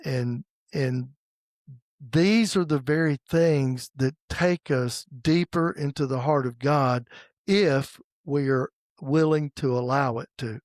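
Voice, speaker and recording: A man in his sixties from the United States, hosting a podcast in a casual faith conversation and pausing often with fillers and restarts. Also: medium pitch, a little mellow, no room sound, clean studio sound. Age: 60s. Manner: halting, with many fillers and restarts. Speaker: podcast host.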